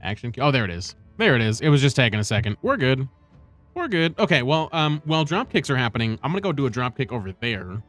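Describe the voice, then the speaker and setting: A man's voice: mid-range voice, lively intonation, fast talker, hardly any pauses, a bit bright. A man streaming a game, chatting casually, laughing often and reacting to chat. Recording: game music in the background.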